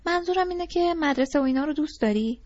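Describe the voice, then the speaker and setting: A woman's voice: high-pitched, animated, darkish tone, dry recording, voice pushed up. A woman voicing a disgruntled teenage boy who rambles through complaints and pleads eagerly, in an audiobook reading. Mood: ranting. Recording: dull lo-fi recording.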